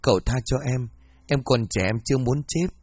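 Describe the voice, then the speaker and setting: A man's voice: mid-range voice, a little fast, darkish tone, breathy edge, no echo, close to an everyday voice. A man voicing a frightened eighteen-year-old young wife who stammers and pleads, in a storybook reading.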